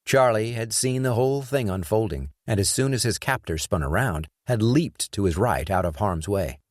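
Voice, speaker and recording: A male audiobook narrator with a deep voice reads scripted narration in a steady, measured storytelling style. The recording is clean studio sound with no room sound.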